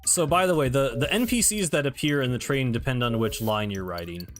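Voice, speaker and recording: A man's voice: medium pitch, expressive, a little fast. Rambling man streaming a game. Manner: rambling, with restarts and frequent laughs. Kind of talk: casual gameplay commentary. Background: game music.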